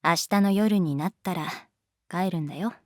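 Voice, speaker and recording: In this Japanese voice drama, an actress plays a laid-back, teasing teacher who loves beer, speaking casually and bluntly. Her lowish voice moves at a normal pace and sounds close to everyday speech, with a calm, caring mood.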